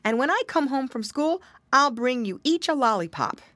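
An excitable little piggy boy from a storybook, as a woman reader puts him on. He pipes up high and bright, way above the narrating voice. Everything comes out as an eager exclamation. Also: normal speed, no room sound.

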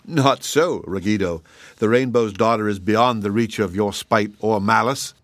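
A man voicing a calm, unafraid fairy girl who speaks with composure. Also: on the low side, normal speed, no room sound, lightly acted. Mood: defiant. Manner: composed, defiant.

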